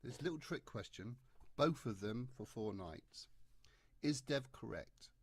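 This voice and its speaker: A man's voice: mid-range voice, expressive, a little slow, husky, dry recording. Chatty man tutoring maths. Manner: chatty, jokey, explains step by step. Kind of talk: exam paper walkthrough lesson.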